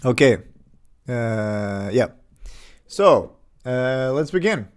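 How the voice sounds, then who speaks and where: While streaming his game development live, a man chats in a relaxed, rambling way, full of fillers and restarts, with a slight cough as he gets over an illness. His voice is medium in pitch and he speaks very slowly.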